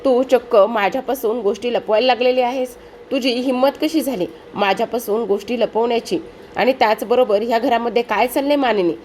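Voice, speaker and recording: A woman's voice: a little high, brisk, a little mellow, a little hiss or hum, natural voice. A woman voicing an angry middle-aged father-in-law who scolds his wife with indignant questions. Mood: angry scolding.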